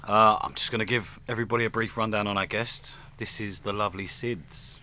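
A man's voice: lowish voice, fairly even intonation, a little fast, bright, forceful tone, a little hiss or hum. A man hosting a casual comic chat, with a blokey, teasing manner. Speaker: podcast host.

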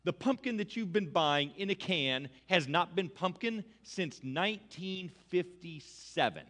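A man's voice: high voice, lively intonation, unhurried, bright, forceful tone. A man preaching a casual, playful Thanksgiving sermon to his congregation, joking and getting them to repeat lines after him. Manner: playful, audience-engaging, asks congregation to repeat. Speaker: pastor. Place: church sanctuary with congregation. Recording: long hall reverb.

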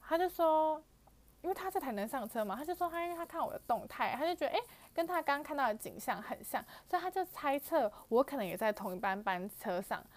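A woman's voice: high-pitched, lively intonation, fast talker. A young woman with a Taiwanese Mandarin accent, animatedly retelling a personal story for her vlog with frequent fillers and exclamations. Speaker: vlogger. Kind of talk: storytelling to camera.

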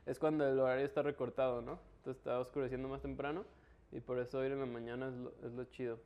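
A man's voice: medium pitch, little pitch movement, fast, lo-fi sound. Mexican man chatting in casual slang. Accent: Mexican Spanish. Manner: colloquial, slangy, explanatory. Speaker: interview guest, local trail biker. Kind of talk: casual conversation.

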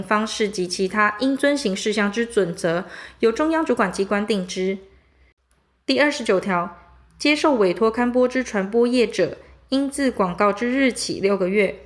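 Female reader for legal statutes: mid-pitched, formal read-aloud, measured and methodical delivery of numbered clauses.

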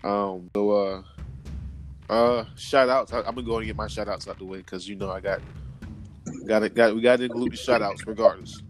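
A man's voice: fairly low pitch, steady tone, brisk, slight background noise. A man co-hosting a casual podcast, sounding stuffy and congested from a cold, talking loosely with slang and fillers. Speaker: podcast co-host.

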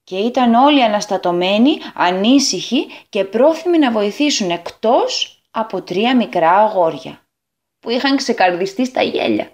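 Female storyteller for kids' radio, animated and expressive, lively pitch. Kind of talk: children's story reading.

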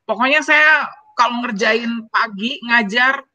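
A university lecturer in her forties tells personal stories during an interview, her fairly high voice moving a little slowly with no echo. She speaks with feeling, animated as she narrates, and keeps turning to address the host in this conversational exchange.

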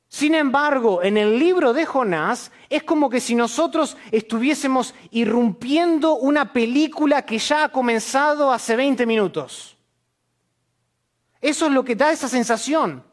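A man, a church elder, preaching an expository sermon to a congregation, asking questions and answering them himself. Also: very high voice. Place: church service.

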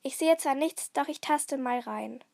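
A woman's voice: sits high, unhurried, creaky, a little mellow, no room sound, clean studio sound. A woman voicing a bold, cheerful boy detective who sounds confident and upbeat. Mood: plucky.

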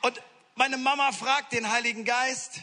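Bright-voiced pastor preaching in an echoing hall. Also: male voice, extremely high pitch, unhurried. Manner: lively storytelling with acted-out quotes and humor; switches between hushed asides and sudden loud exclamations. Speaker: senior pastor. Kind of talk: sermon. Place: church hall. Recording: long reverb of a large hall.

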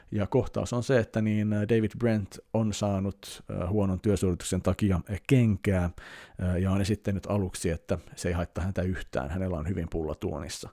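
A man's voice: lowish voice, warm tone, dry recording, studio quality. A man in his thirties, a podcast host answering listener questions in casual chat, rambling and hesitant with many fillers.

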